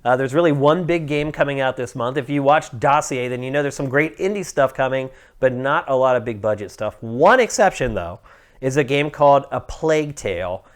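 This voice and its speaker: Man hosting casually, mid-pitched voice. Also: animated, a little fast. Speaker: show host. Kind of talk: casual gaming show talk.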